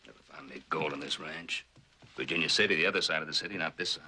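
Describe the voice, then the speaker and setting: An actor playing a firm, principled ranch patriarch in a TV western, speaking with emphatic authority. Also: male voice, a bass voice, fast talker, bright, forceful tone, heavily acted. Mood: dismissive. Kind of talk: TV western drama acting.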